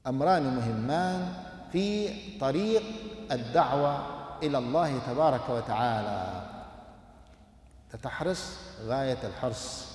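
A man preaching a sermon, earnest, dropping to soft prayerful murmurs and rising to emphatic lines. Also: mid-range voice. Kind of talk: religious sermon. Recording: echoey hall.

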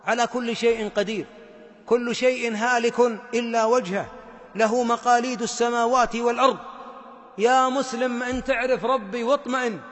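A man's voice: extremely high pitch, fairly bright tone. A man with a Gulf Arabic accent preaching a sermon with impassioned rhetorical questions to his audience. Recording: long hall reverb.

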